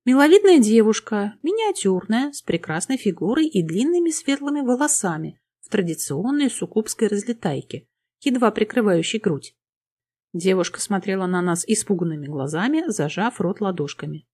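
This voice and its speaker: A woman reading a fantasy audiobook with lively, playful storytelling. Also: medium pitch, slightly rough. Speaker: audiobook narrator. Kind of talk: expressive fantasy audiobook narration.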